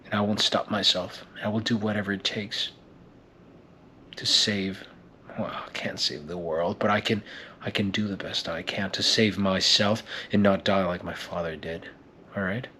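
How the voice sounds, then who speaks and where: A weary, determined man makes a hushed, intense vow to change, as a man acts out an improvised scene. His voice sits fairly low and stays quiet and steady. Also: moderate pace, a little hiss or hum. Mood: resolute. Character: weary, determined grown man vowing to save himself.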